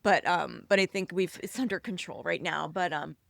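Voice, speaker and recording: A woman's voice: fairly low pitch, lively intonation, moderate pace, gravelly, dry recording. A middle-aged woman speaking as a podcast guest, upset and close to tears, hesitant and apologetic. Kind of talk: casual conversation.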